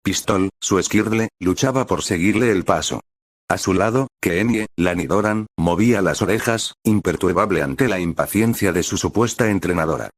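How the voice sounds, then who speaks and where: A man narrates a story aloud in a steady, even way. His voice is very low. The sound is dry and close, with no room echo. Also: normal speed.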